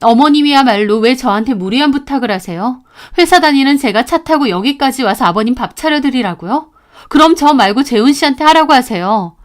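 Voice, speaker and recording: High-voiced woman narrating indignantly. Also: animated, brisk. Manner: indignant, confiding. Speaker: storyteller. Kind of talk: scripted first-person story narration.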